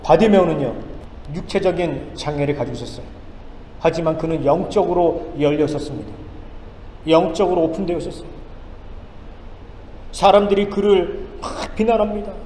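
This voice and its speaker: A male pastor preaching a sermon, firing off rhetorical questions and swinging between loud and hushed lines. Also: on the high side, moderate pace, pauses often, a little hiss or hum. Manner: emphatic, rhetorical questions, dramatic swings in loudness. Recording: echoey church hall with faint ambience.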